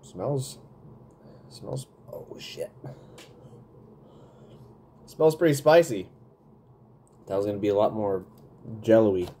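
A man's voice: fairly low pitch, expressive, slow, pauses often, warm tone, a little hiss or hum. A man in his thirties reviewing food in a casual vlog, talking between bites and humming as he tastes, recorded on a webcam in a small room. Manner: chatty, eating while talking, smacking and humming. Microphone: webcam at desk.

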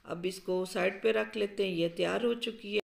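Gravelly-voiced woman explaining a recipe. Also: mid-range voice, moderate pace. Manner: calm, explanatory, with frequent um fillers. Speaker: cooking show host. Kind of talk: step-by-step cooking instructions. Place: home kitchen.

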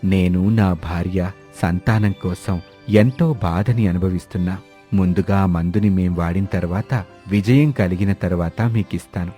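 A man's voice: steady tone, mellow, faint music behind. A man doing a gloomy old herbal healer. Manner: low, slow and heavy. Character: older male herbal healer, sorrowful and grave.

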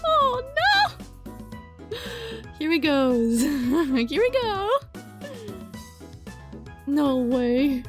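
Reading a visual novel aloud with drama, a woman reacts in a lively, jokingly exasperated manner and sometimes trips over her words. Her voice sits high, she draws out words and leaves long pauses, and soft music plays behind her.

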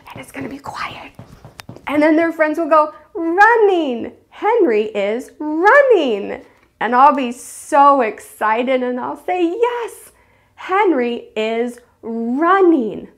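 A woman teacher explaining a classroom game for small children, acting out the children's shouts and whispers. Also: on the high side. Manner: animated, acts out children's voices. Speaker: preschool teacher. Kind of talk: teaching demonstration.

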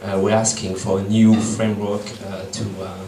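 This meeting-room talk comes from a man in his thirties whose first languages are French and Portuguese and who has a French accent. He speaks at a moderate pace in a flat, fairly low voice, hesitating with many ums and restarts. The echoey audio, from a room camera far away, has background noise.

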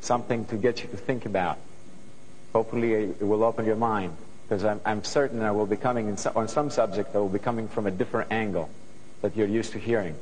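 A middle-aged man from Greece talks to a room of students in his Greek accent. His voice sits a little low and his words come thoughtful and earnest, with frequent restarts. It is picked up on a lapel mic, with long hall reverb and a faint hiss underneath. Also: steady tone, quick pace, a little mellow. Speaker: guest composer. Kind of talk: talk to a student audience. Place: television studio stage before an audience.

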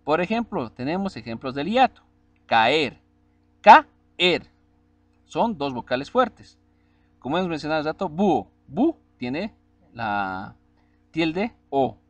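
A man's voice: fairly high pitch, sing-song, a little slow, no echo, soft background music. A man teaching a spelling lesson, spelling out vowels and syllables one by one and often asking checking questions.

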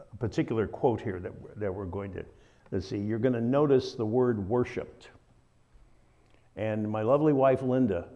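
A man's voice: lowish voice, warm tone. A man with a Southern American accent teaching a Bible study in a conversational, folksy way, full of asides.

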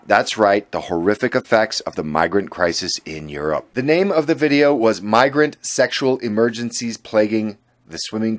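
A man with a fairly low voice reads his scripted commentary straight to the listener. His delivery is sardonic and indignant throughout. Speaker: channel host. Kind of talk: scripted political commentary voice-over.

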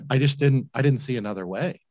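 In a mid-range voice at a moderate pace, with no room sound, a man in his forties recounts his story as a guest on a video call interview. The business owner, who runs a laundromat, is earnest and emphatic and repeats words when moved. He's indoors in a home room, on headphones and a large desk mic.

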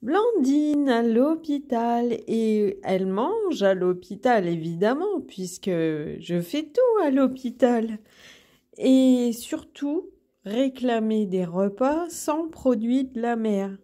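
A woman's voice: fairly high pitch, sing-song, slow pace, warm tone. A woman recording a casual, chatty video diary from her hospital room, talking about her meal with self-deprecating asides. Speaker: vlogger.

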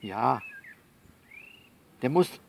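A man with a medium-pitched, creaky voice speaks very slowly but animatedly, with slight noise in the background. He's performing his own audio novel as an improvised, conversational monologue aimed at a listener he keeps coaxing and ordering about, often saying things twice.

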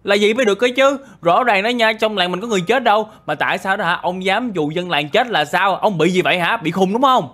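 A man's voice: sits high, fairly quick, hardly any pauses, bright, forceful tone. A young man, narrating a game story in a chatty, exclaiming way. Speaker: gaming YouTuber. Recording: faint background music.

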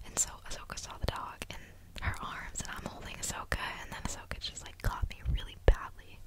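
A woman in her twenties softly whispering an ASMR vlog very close, right in your ear, chatting casually in a rambling, confiding, hesitant way. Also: fairly quick. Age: 20s. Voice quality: soft unvoiced whisper. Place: small dim room at home, indoors. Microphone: desktop condenser microphone very close to the mouth, binaural.

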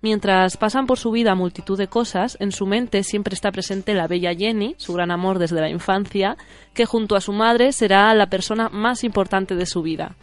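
A woman's voice: medium pitch, moderate pace. A woman hosting a film show, presenting in a semi-scripted way. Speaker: radio film show host.

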